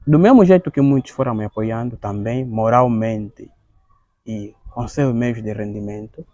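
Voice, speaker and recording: A man in his thirties with an Angolan Portuguese accent. He gives an earnest interview testimony, gravelly and halting, often repeating words as he searches for the next one. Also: medium pitch, warm tone, no echo, dull audio. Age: 30s. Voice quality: gravelly, halting with frequent word repetitions.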